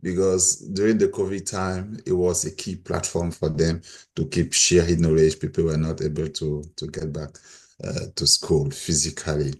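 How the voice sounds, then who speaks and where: Speaking at a normal speed in a level tone, this low-voiced, somewhat mellow man tells personal stories on a panel. He is a middle-aged volunteer mentor with a Cameroonian accent.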